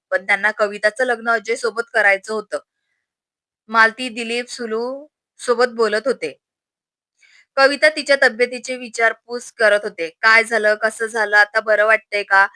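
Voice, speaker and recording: Bright-voiced woman storyteller. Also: on the high side, no echo. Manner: steady, plain storytelling. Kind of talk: scripted story narration.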